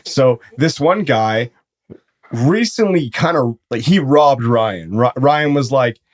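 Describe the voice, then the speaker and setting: Young guy, podcast co-host, very lively storyteller, swears a lot. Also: medium pitch, slow pace. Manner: animated, swearing, laughing through stories. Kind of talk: casual storytelling.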